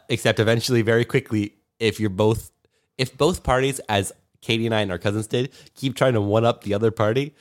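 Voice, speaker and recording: A man hosting a podcast in casual comedic banter, rambling along in a joking, mock-serious way. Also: fairly low pitch. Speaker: podcast host.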